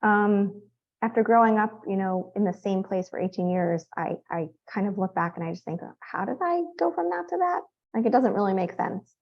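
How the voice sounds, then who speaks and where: A woman in her fifties from California talks through her family history as an interview guest, wandering from one memory to the next with fillers and restarts. Her voice sits at an ordinary middle pitch. The audio is a little dull and lo-fi. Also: expressive, normal speed, gravelly. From San Francisco Bay Area, California. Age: 50s. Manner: rambling, storytelling with many fillers and restarts. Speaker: author guest. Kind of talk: conversational interview.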